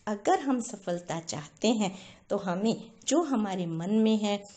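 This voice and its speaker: Mellow woman telling a moral story. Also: mid-range voice, takes it slowly. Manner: calm, explanatory, addresses listeners directly.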